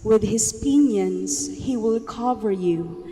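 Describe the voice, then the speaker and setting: A woman reading scripture and psalm verses slowly and carefully at Mass, heard with a long cathedral echo. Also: medium pitch, dark tone. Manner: slow, careful reading pace. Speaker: lector. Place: large church. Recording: long church reverb with faint music.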